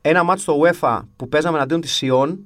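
A man's voice: fairly high pitch, no echo, clean studio sound. A man chatting casually as a podcast co-host, telling stories with wry, grumbling humor. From half English. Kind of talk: casual chat.

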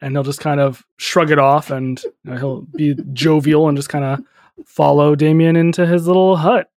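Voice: mid-range voice, fairly even intonation, moderate pace, a little mellow, no room sound, clean studio sound. A game master narrating a tabletop role-playing game, describing scenes with small asides and laughs.

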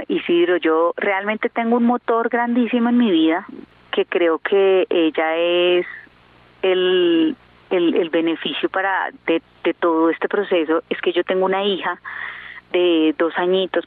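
A woman in her thirties, appearing as an interview guest, tells her personal story in an emotional testimony, earnest and hesitant with many fillers. Her fairly low voice is steady at a moderate pace, heard over a tinny, dry phone line with no echo.

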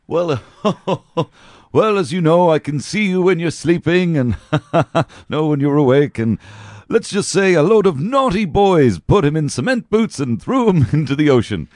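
A man's voice: a little high, sing-song, unhurried, a little mellow, dry recording, clean studio sound. A man playing a giggly Santa Claus. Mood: amused. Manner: keeps breaking into laughter, hesitant.

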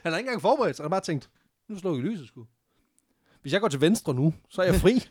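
A man's voice: sits high, sing-song, breathy edge, dry recording, studio quality. Laughing man telling a story. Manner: laughs often, swears casually, mixes in English phrases. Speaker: podcast co-host telling a history story. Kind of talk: casual storytelling chat.

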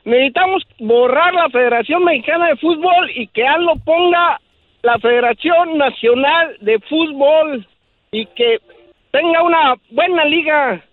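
High-voiced guy calling in, teasing and blunt, tinny phone line with hiss. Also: measured pace, dry recording. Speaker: caller. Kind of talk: comedic phone call.

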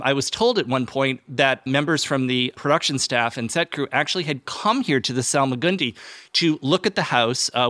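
A man's bright, forceful, mid-range voice, free of room sound, carries a podcast recorded in a club library. He delivers warm-up narration and then interviews, his manner effusive and formal with theatrical turns of phrase.

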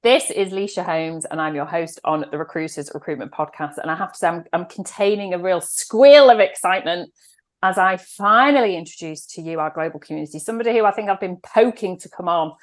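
Podcast host, woman, high energy and chatty, slightly low-pitched. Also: a little fast. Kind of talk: casual podcast chat and read ad.

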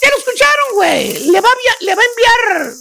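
Man doing a shrill, gravelly ranting comic "maestro". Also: sing-song, a little fast, exaggerated voice. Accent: Mexican. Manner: shouting, ranting, scolding with sobbing whines. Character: loud preachy male "maestro" lecturing sons about their mothers. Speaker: radio comedy character. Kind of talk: comic radio sketch.

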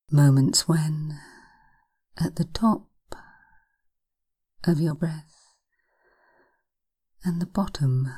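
A woman leading a guided hypnosis in a soft, breathy, half-whispered spa voice, soothing, with drawn-out phrases and long pauses. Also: low voice. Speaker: hypnotherapist podcast host.

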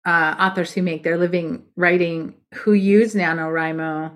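Woman guest on a podcast, book coach, kinda low voice, talks straight and firm about the craft. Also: fairly even intonation, unhurried. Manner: emphatic and direct, frank about method. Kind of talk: casual podcast conversation.

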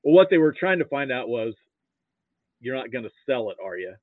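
Over a muffled, phone-like narrow-band line, a Nebraskan sports archivist shares stories as a guest on a podcast. His mid-pitched voice has a sing-song lilt with no echo, and his speech is halting, often repeating words at the start of a sentence in this casual interview.

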